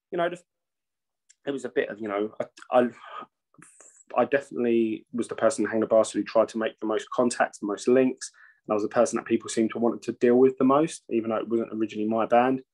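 Captured in low quality, a man's voice on the low side comes through a video call webcam. He's a guest, the singer and bassist of a metal band, talking casually from a room with shelves at home while rambling, swearing frequently and restarting.

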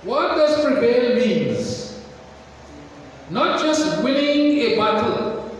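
Slow high-voiced preacher in an echoing church. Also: male voice, lively intonation, slight background noise. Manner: slow, deliberate, asks the congregation questions. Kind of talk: sermon. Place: large church hall. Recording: echoey church hall from far off.

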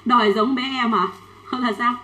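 A woman selling children's clothes on a livestream, chatting quickly and reading out sizes and buyers' names. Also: on the high side, steady tone, bright, forceful tone, echoey room, a little hiss or hum, rough recording. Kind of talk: fast livestream sales pitch.

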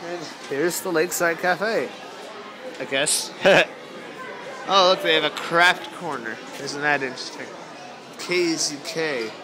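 A man's voice: a little high, slow. A young man narrating a casual walk through a zoo light show at night, rambling and easily amused, recorded on a handheld camera. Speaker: vlogger. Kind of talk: casual walking commentary. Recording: noisy crowded outdoor camera audio. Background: crowd chatter and outdoor noise.

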